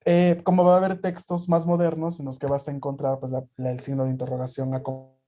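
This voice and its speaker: A man's voice: mid-range voice, level tone, a little fast, dark tone. A man teaching a language class over a video call, explaining patiently with many fillers. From Peru.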